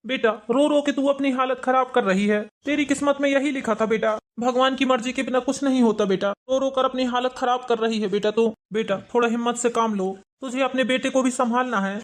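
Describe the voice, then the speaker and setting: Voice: high-pitched, fairly even intonation, fairly quick, hardly any pauses, lightly acted. A voice actor playing an elderly father in a cartoon family drama, soothing and repeating fond words to his daughter. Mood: consoling. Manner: soothing, repeats "beta" often. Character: elderly father, gentle and consoling.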